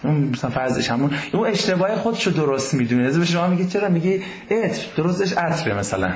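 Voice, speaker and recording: A man giving a university lecture on religion in a classroom, lively, often posing questions to the class. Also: fairly high pitch, reverberant, lo-fi sound.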